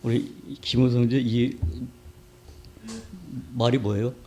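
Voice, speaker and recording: A man preaching from the pulpit of a church sanctuary, his voice sitting at an ordinary middle pitch. He keeps the sermon conversational and often stops to ask the congregation questions. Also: little pitch movement, slow pace, noisy background.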